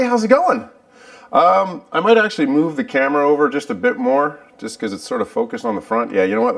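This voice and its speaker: A man chatting casually on a livestream from a cluttered garage, muttering to himself while he fixes his setup. His voice is gravelly, with a lively pitch that swings up and down. He sounds a bit distant, picked up by a camera mic set back in the room. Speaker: livestreaming vlogger.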